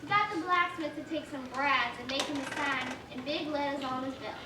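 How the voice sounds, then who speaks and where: High-voiced woman telling a Southern folktale. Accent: traditional Southern American. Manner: unhurried folksy narration. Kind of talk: folktale storytelling performance. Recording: echoey room, far mic, noise.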